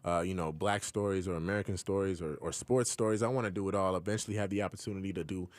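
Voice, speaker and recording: A man's voice: low-pitched, steady tone, fast talker, dry recording. A young male actor guest in a radio studio, talking easily and laughing often, with lots of "you know.". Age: young adult. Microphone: studio microphone.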